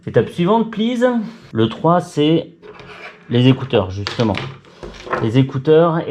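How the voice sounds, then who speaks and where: Male vlogger, self-mocking running chatter while working, mellow tone, faint noise floor. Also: mid-range voice. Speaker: vlogger fitting a helmet intercom. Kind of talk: casual talk to camera while working.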